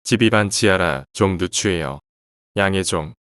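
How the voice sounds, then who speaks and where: A man voicing a calm, polite stranger who turns out to be a cold killer, in a horror story told in a quiet, composed way. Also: deep voice, unhurried, no room sound, clean studio sound. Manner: quiet, composed, chillingly casual.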